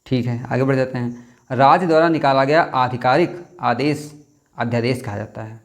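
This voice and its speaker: A young man teaching a spelling lesson for an exam, thinking out loud, repeating words and correcting himself, and stretching words out slowly as he spells them. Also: medium pitch.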